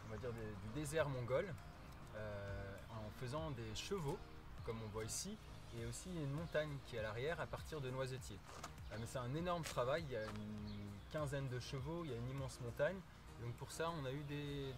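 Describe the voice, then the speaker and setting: A man's voice: medium pitch, normal speed. A man who works as a gardener, speaking in an interview with frequent hesitations. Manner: hesitant, many fillers. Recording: music playing underneath.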